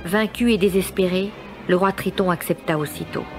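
A woman's voice: lowish voice, fairly even intonation, normal speed. A woman narrating a children's story in a scripted, dramatic style. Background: music.

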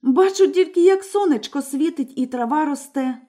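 A woman voicing a calm older sister who answers from a tower in a fairy tale. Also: high-pitched, moderate pace, voice pushed up, lightly acted. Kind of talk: storybook character voice.

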